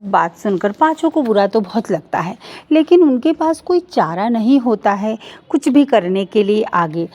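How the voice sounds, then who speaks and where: A woman narrating a family story in a steady, plain storytelling manner. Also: mid-range voice, normal speed, dull audio.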